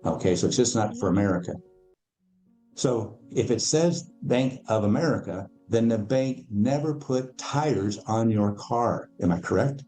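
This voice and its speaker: With a lowish, dark voice and soft background music, this man speaks in an animated yet unhurried way. He's a podcast guest and financial educator in a relaxed interview, an emphatic storyteller who performs the quoted voices of his characters.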